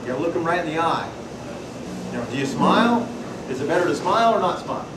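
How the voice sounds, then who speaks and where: A presenter at a membership workshop, a man with a Pacific Northwest accent, gives a loud, lively, folksy talk, telling stories and throwing questions to the room. His voice is fairly high and he talks fast. It's a distant, echoey recording in a meeting hall with a live audience and loud noise.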